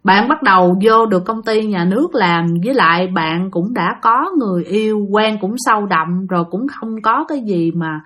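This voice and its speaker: A woman's voice: medium pitch, animated, moderate pace, few pauses, fairly bright tone. A woman telling listener-sent ghost stories in a chatty way, addressing her audience directly. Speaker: storyteller. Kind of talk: casual ghost story narration.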